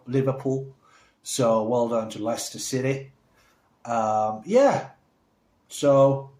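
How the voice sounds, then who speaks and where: A man's voice: medium pitch, darkish tone. Man, from Somalia, vlogger, casual rambling chat, lots of fillers, roomy echo. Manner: rambling, chatty, with many fillers and restarts.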